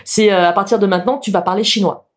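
A woman's voice: medium pitch, fairly even intonation, fast. A woman, a stage hypnotist and podcast guest, explaining her craft earnestly in casual chat, with many fillers and restarts.

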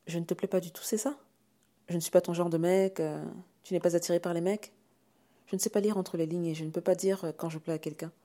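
A man's voice: sits high, little pitch movement, fast, mellow, voice pushed up, close to an everyday voice. A man doing a nervous, fumbling young man. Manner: hesitant, apologetic, fumbling. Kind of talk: audiobook character voice.

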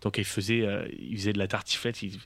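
Rambling French radio host, dry studio. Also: male voice, on the low side, steady tone, fast talker, creaky, fairly bright tone, no room sound. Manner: rambling storyteller, many fillers and restarts. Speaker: radio show host and singer. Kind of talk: casual radio chat.

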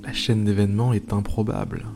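Low-voiced man guiding meditation over music. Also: level tone. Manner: slow, pausing, repeating phrases, informal. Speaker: guided meditation host. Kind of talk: improvised guided meditation with casual asides. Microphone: speaking into a microphone.

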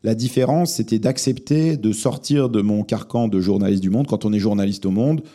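A man born in Lebanon speaks in a low, very dark voice. He is a journalist giving thoughtful interview answers and often pauses to search for words. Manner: thoughtful, many hesitations and fillers. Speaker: journalist and podcast host, guest here.

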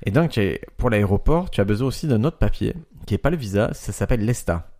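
A man's voice: on the low side, expressive, quick pace, darkish tone. A man from France co-hosting a casual podcast, giving practical travel tips with crude jokes. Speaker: podcast co-host.

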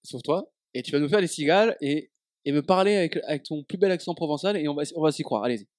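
Quick, playful man hosting a podcast. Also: a little high, a little mellow, dry recording, clean studio sound. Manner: quick, playful, leads the talk. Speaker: podcast host. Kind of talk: casual chat.

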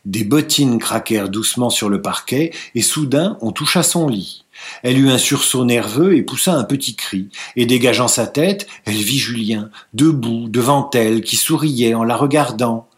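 A man reading a classic novel aloud, measured and unhurried. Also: mid-range voice. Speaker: reader.

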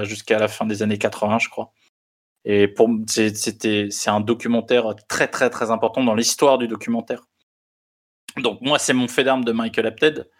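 A man co-hosting a casual film podcast, telling digressive anecdotes with many fillers. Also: fairly low pitch. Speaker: podcast co-host.

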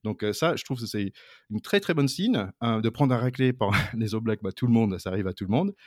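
A man's voice: on the low side, animated, brisk, no echo, clean studio sound. A middle-aged American man co-hosting a casual podcast in his second language, with many fillers and restarts. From United States. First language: English. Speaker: podcast co-host.

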